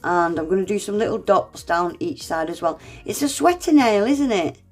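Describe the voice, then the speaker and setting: A congested, unwell woman gives chatty, step-by-step narration for a nail art tutorial, her mid-range voice animated and a little mellow at a moderate pace. She addresses viewers as "guys" and is self-deprecating, with faint music behind her.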